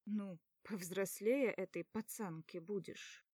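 A woman reading a calm, easygoing young man. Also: medium pitch, slow, breathy edge, dry recording, clean studio sound.

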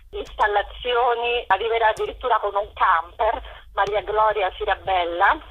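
Her voice is husky and medium-pitched, carried over a muffled, lo-fi telephone connection. She is a woman guest on a radio interview, talking informally about a programme she organises.

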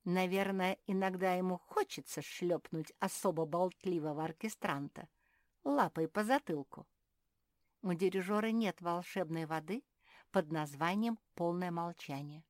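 A woman's voice: fairly low pitch, a little slow, no room sound, studio quality, close to an everyday voice. Fields: Figure: woman doing a patient wise owl. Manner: patient, explaining, sighing. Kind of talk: storybook reading.

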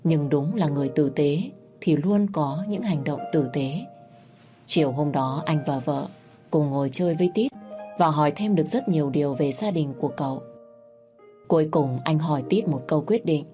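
A woman narrating a sad family story in a calm, even storytelling manner. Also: deep voice, moderate pace, faint music behind.

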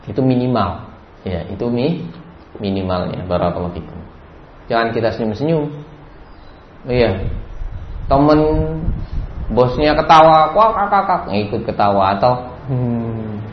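A male preacher giving a religious study lecture, who keeps repeating a stock blessing and chants Arabic phrases in a raised voice. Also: mid-range voice. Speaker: Islamic preacher. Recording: dull, roomy lecture recording with faint noise.

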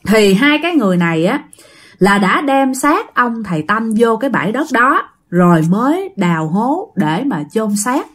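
A woman's voice: a little high, big pitch swings, moderate pace. A woman with a Southern Vietnamese accent narrating a ghost story in a chatty storytelling style, often speaking straight to her listeners. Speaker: storyteller host.

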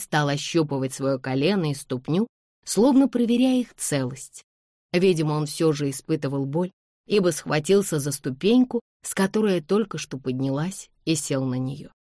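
A woman narrating an audiobook in a measured storytelling manner. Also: low voice, darkish tone, dry recording, clean studio sound.

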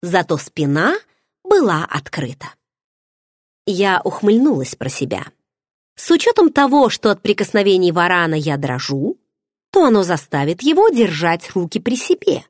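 Animated woman reading a novel. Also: lowish voice, moderate pace, no echo, studio quality. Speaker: audiobook narrator. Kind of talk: first-person novel narration.

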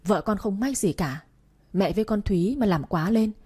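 A woman's voice: medium pitch, lively intonation, moderate pace, darkish tone, slightly rough. A woman voicing a protective, hot-tempered young husband who speaks bluntly and commandingly. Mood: angry.

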